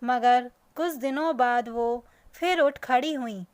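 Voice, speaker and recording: A woman narrating an emotional family story in the first person, in a slow, soft and sorrowful reading. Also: on the high side, clear, resonant tone, no echo.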